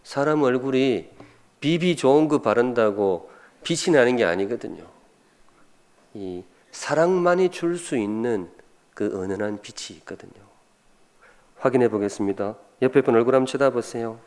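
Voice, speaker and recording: A man's voice: medium pitch, expressive, moderate pace, darkish tone. A man in his fifties from Gyeongsan with a Gyeongsang accent, preaching a humorous sermon as a pastor and asking the congregation questions. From Gyeongsan, South Korea.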